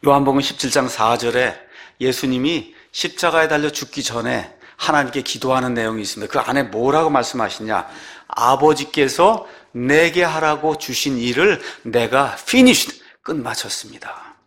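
A man preaching a sermon, reading scripture aloud and asking his congregation rhetorical questions. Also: fairly bright tone. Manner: reads scripture slowly, rises and drops sharply in pitch. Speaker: pastor.

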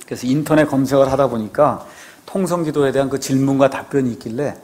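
A man's voice: medium pitch, fast, a little mellow. Man preaching with rhetorical questions. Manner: conversational preaching with rhetorical questions and frequent affirming "yes". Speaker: pastor. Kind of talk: sermon.

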